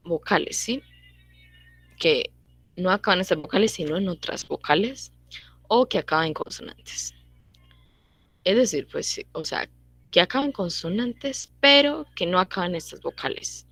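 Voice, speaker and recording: A young woman giving a casual online grammar lesson, repeating her points and checking in with quick tag questions. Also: fairly low pitch, fairly bright tone, no echo. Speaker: language teacher.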